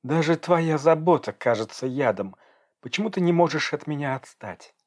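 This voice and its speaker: A man voicing a furious, defiant young pregnant woman who shouts and pleads in a raised voice. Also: on the high side, expressive, normal speed, pitched above the performer's own voice, close to an everyday voice. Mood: bitter.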